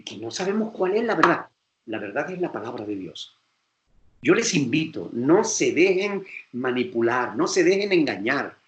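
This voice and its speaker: A man's voice: on the high side, echoey room. A male pastor with a Spain Spanish accent, preaching emphatically and acting out quoted voices. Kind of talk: sermon lecture.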